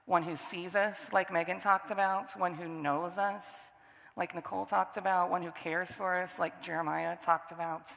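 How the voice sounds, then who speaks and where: A middle-aged woman with a hoarse, still-recovering voice, giving a conversational sermon as guest preacher, candid and self-deprecating. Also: fairly low pitch, fairly bright tone. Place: church sanctuary. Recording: long church hall reverb.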